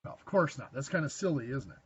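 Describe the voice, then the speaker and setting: A man's voice: mid-range voice, expressive, fast talker, breathy edge, muffled recording. A man teaching a math lesson to a class, quizzing students and making dry, self-deprecating jokes. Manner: asks the class questions. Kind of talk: classroom lecture.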